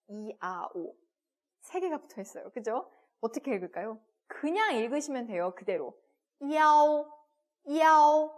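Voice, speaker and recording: A young woman teaching Chinese pronunciation in a video lesson, explaining patiently and repeating each sound aloud. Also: fairly high pitch.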